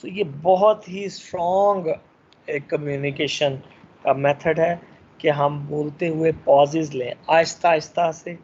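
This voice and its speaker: Man lecturing, slightly high, lo-fi. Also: fairly even intonation, measured pace, darkish tone. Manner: lecturing with frequent fillers and English phrases. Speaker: teacher. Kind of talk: recorded lecture.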